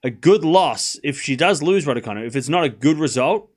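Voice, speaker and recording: This man's fairly high voice is brisk and expressive as he runs a live tennis watchalong, part commentator and part chatty host. A mild Australian accent comes through, and he often says phrases twice for emphasis.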